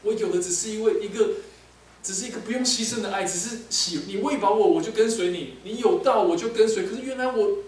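A man voicing an ashamed male disciple in a sermon, speaking in halting, broken-off confessions. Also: on the high side, lightly acted. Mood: pleading. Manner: halting, confessional, breaking off mid-phrase. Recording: echoey hall, mic at a distance.

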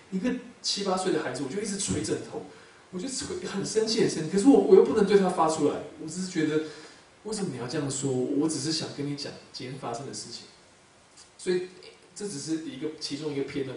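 A man delivers a sermon and personal testimony at a quick pace, his voice rising into loud emphasis and dropping to soft murmurs. He is heard from a distance in a very echoey church hall. Faint room noise sits underneath. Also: a little high. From Taiwan. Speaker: pastor. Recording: very echoey hall, speaker far from mic.

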